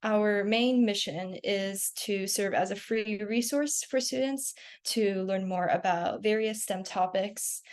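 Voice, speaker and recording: Woman, webinar host, mid pitch, reads questions, short affirmations, video call. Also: slow pace, few pauses, a little mellow. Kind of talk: webinar hosting.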